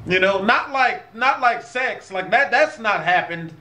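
A man's voice: high-pitched, animated, measured pace, bright, forceful tone. A man hosting a casual reaction video, rambling and swearing freely as he talks. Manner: rambling, profane, easily set off. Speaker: YouTube reaction host.

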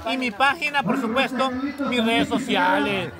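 A man's voice: extremely high pitch, measured pace. A man from El Salvador with a Salvadoran accent, a boisterous, slangy vlogger talking with a spoon at his lips at an outdoor food festival. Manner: boisterous, slangy, hyping the audience. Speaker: vlogger host. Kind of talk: casual food vlog. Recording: loud festival crowd behind. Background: crowd chatter.

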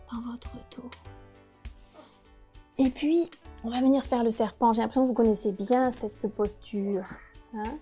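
With a high-pitched voice, a young woman teaches yoga to children, keeping her cues soft, upbeat, and full of play.

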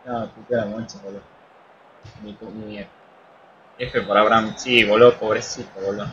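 A man's voice: fairly low pitch, moderate pace, muffled recording, slight background noise. A man with an Argentine accent casually commenting on his own football management game, reacting and swearing as he plays. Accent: Argentine Spanish. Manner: reactive and swearing, with sudden excited shouts. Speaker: gaming youtuber. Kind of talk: casual live gameplay commentary.

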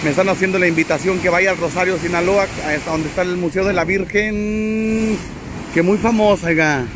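A man live-streaming outdoors from a high spot by the sea, chatting and joking with his viewers and greeting them by name. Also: fairly even intonation, normal speed, noisy background. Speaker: vlogger. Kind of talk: casual live stream from the seafront.

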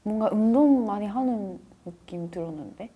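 A woman in her twenties from Japan with a Japanese accent in Korean, chatting casually in halting, simple non-native phrasing. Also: mid-range voice, animated, mellow, slightly rough. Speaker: interviewee in a reaction video. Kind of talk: casual chat.

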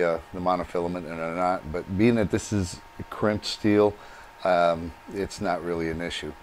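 A man with a low voice hosts a DIY channel, explaining each step as he works with his hands at a workbench in his home workshop. It's a hands-on how-to demonstration, with a little hiss or hum on the recording.

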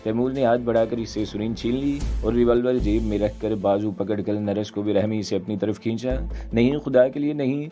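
Male novel narrator, low mellow voice, steady measured reading, dull lo-fi audio with faint music. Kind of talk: first-person novel narration.

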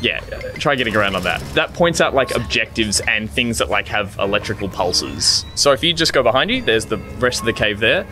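A man's voice: lowish voice, big pitch swings, a little fast. A man in his thirties co-hosting a casual let's play, playfully instructing the player at a close microphone. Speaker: gaming show co-host guiding a player. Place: small furnished indoor studio. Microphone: close microphone on a boom arm. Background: video game music.

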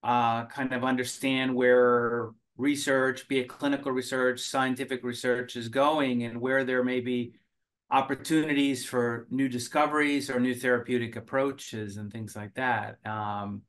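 A middle-aged Finnish man, an oncologist and cancer researcher, answers interview questions over a video call from his home office. He speaks in a measured way with many filler sounds and restarts. His mid-range voice is fairly bright, with a level tone.

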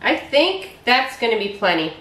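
A woman's voice: fairly high pitch, big pitch swings, normal speed, fairly bright tone. A woman in her forties chatting casually as she shows her meal prep step by step in her home kitchen. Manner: chatty, explains each step. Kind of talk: casual cooking demonstration. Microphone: far camera. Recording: echoey kitchen from a distance.

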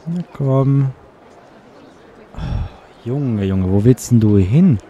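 A man's voice: fairly low pitch, measured pace, mellow, lo-fi sound, a little hiss or hum. A man commenting casually on his gameplay, chatty and sarcastic, grumbling at the game as he plays. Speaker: let's play gamer.

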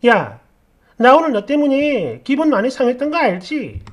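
A woman's voice: high voice, sing-song, moderate pace, pitched above the performer's own voice. A woman narrating a story and voicing an offended young bride who speaks sharply and accusingly, with a raised voice. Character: indignant devout young woman, quick to take offense.

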